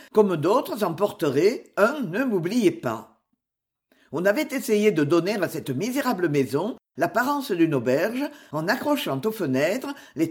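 Expressive audiobook narrator, lively pitch. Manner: measured, expressive reading. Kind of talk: scripted narration of a classic novel.

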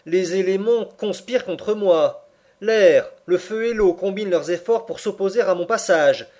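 A man's voice: medium pitch, quick pace, close to an everyday voice. A man reading aloud and voicing a furious, stubborn professor who bellows his defiance. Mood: defiant rage.

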